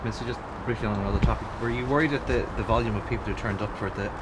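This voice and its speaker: A man's voice: fairly low pitch, fairly even intonation, racing. A man working as a news reporter, questioning a minister at an outdoor doorstep. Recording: noisy outdoor recording with traffic.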